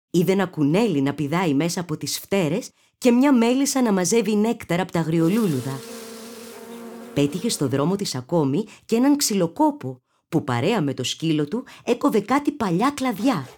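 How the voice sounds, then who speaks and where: A woman narrating a children's storybook in an expressive, animated storytelling manner. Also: on the low side.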